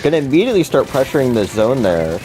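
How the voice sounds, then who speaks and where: A man's voice: mid-range voice, very animated, fast. A young man giving color commentary on a video game match, dry and teasing. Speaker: esports co-caster.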